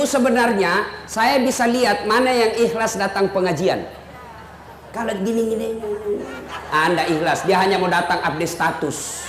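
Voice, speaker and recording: A man delivers a lively, joking sermon to a big crowd, teasing his listeners and acting out both sides of little scenes. His voice sits high, and it carries into a roomy, echoing space with clear background noise. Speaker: preacher. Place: large public religious gathering.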